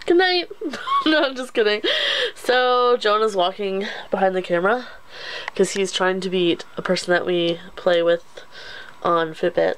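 A woman's voice: mid-range voice, fairly even intonation, moderate pace, smooth, poor audio. A young woman chatting casually on a vlog, playful and teasing. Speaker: vlogger co-host.

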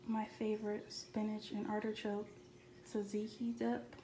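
A woman vlogger calmly listing her groceries in a relaxed, matter-of-fact voice-over. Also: mid-range voice, a little slow. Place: home kitchen. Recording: echoey room with clear background noise.

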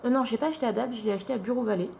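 Woman, craft vlog host, casual and halting, gravelly edge, faint hiss behind. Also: on the high side, a little mellow, poor audio. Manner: hesitant, many fillers. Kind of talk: casual haul video.

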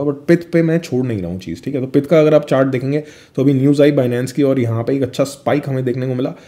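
Mellow-voiced man explaining crypto charts. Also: mid-range voice. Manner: chatty Hinglish, addresses viewers as friend, fillers. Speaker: crypto vlogger. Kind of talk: screen-share chart walkthrough.

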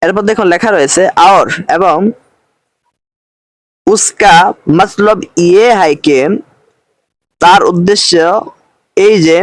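A man teaching a recorded lesson, explaining slowly and patiently and repeating each phrase with its translation. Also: sits high, no room sound.

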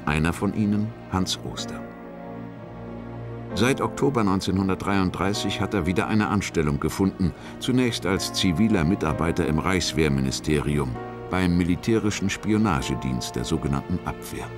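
A man narrating a historical documentary from a script, in short, measured statements. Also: low voice, over music. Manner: short, measured declarative phrases.

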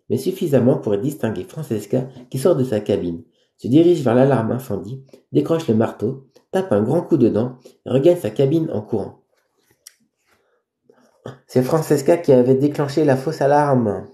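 A man reading a novel aloud, calm and careful, pausing to check spelling. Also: mid-range voice. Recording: roomy echo.

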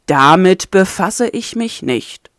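A woman voicing a desperate young male prisoner, speaking in a low urgent murmur. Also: expressive, slow, fairly bright tone, dry recording, clean studio sound, exaggerated voice. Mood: urgent, brooding.

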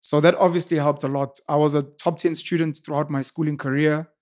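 South African man in his thirties, podcaster guest, confident storyteller, slightly raised pitch, close podcast mic. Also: flat delivery, fairly quick, a little mellow. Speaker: podcaster and YouTuber. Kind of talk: casual interview conversation. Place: studio with sofas, indoors. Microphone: boom-arm podcast mic.

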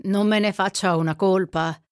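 A woman's voice: mid-range voice, moderate pace, no room sound, studio quality, natural voice. A woman voicing a gallant young gambler. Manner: smooth, gallant, flattering.

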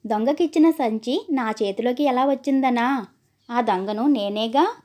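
A woman's voice: fairly high pitch, measured pace, dark tone, close to an everyday voice. A woman voicing a bold, clever young sister-in-law in a storybook tale, teasing and lecturing. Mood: scolding.

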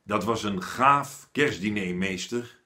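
A man's voice: fairly low pitch, slow pace, bright, forceful tone. A man voicing an eager, earnest schoolboy. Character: eager, food-minded schoolboy.

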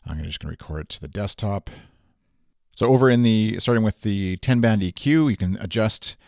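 This tutorial presenter has a deep, bassy voice and moves briskly through a casual screen-recorded software walkthrough. The studio-quality audio comes from a USB-interfaced studio mic with no echo, and his explaining is laid-back and full of fillers.

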